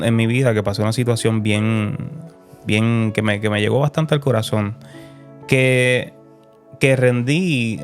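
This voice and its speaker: Young man telling an earnest testimony. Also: medium pitch. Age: young adult. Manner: earnest, emotional storytelling with repetitions. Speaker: guest sharing his testimony. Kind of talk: personal faith testimony.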